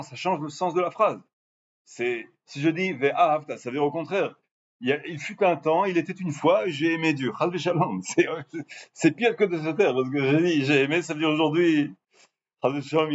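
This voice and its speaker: A man teaching a religious lesson, explaining patiently and slowly repeating words to stress how they are said, often restarting his phrases. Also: medium pitch, lo-fi sound. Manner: frequent restarts and hesitations. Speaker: rabbi teaching a class. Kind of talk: Torah lesson in French.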